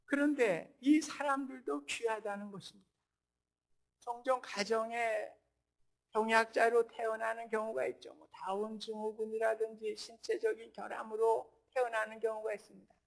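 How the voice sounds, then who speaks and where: A man's voice: sits high, little pitch movement, normal speed, gravelly, low-quality recording. A middle-aged man preaching a sermon as pastor, posing rhetorical questions and building to emphatic peaks. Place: church sanctuary.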